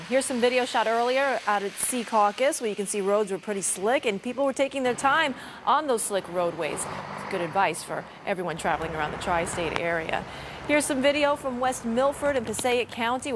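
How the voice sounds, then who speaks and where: A woman's voice: on the high side, background noise. A woman TV meteorologist giving a weather update in a practiced broadcast delivery with small slips.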